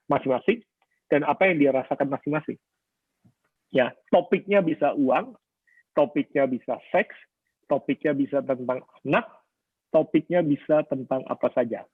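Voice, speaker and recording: A man's voice: on the high side, lively intonation, normal speed, no room sound. A middle-aged male pastor giving a sermon on marriage, telling personal stories and addressing the listeners directly. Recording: husky voice on a tinny phone-like radio line.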